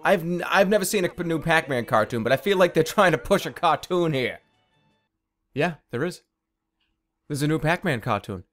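Male gaming streamer, comedic commentary, incredulous, slightly high voice, very animated intonation. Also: normal speed, soft background music. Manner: incredulous, exasperated, sweary.

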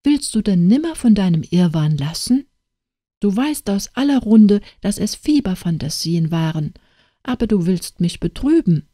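A woman's voice: medium pitch, expressive, unhurried, mellow, no room sound, clean studio sound. A woman voicing a stern old father in an audiobook tale, speaking in a reproachful, urging way.

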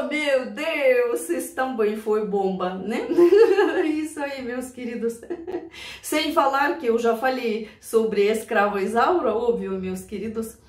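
With a slightly high voice and a Russian accent, a woman from Siberia fondly reminisces to her viewers, often laughing and getting emotional. She's a vlogger who reacts to songs, and the mic sits far from her in a room that sounds spacious.

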